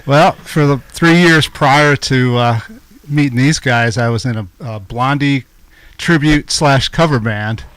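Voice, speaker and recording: A man's voice: medium pitch, a little slow, fairly bright tone, clear, resonant tone, no room sound. A man who plays guitar in a band, answering in a casual interview in a modest, self-deprecating way.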